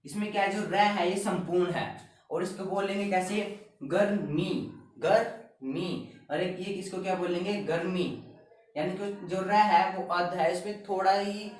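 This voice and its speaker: A man's voice: sits high, steady tone, moderate pace. A man teaching Hindi grammar, explaining spelling in a classroom style and keeping up a string of questions he answers himself. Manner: repetitive, keeps asking and answering his own questions. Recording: very echoey room, distant mic.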